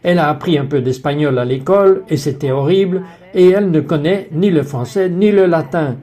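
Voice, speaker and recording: Man dubbing a woman guest, earnest storytelling, fairly high voice, mellow tone, French voice-over. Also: a little fast, close to an everyday voice. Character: woman guest on a faith talk show.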